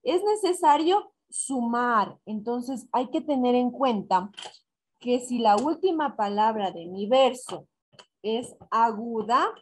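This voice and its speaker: Slow, deliberate woman teacher. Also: on the high side, animated. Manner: slow and deliberate, counting syllables aloud and asking herself questions. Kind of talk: recorded online class. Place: school in Ecuador.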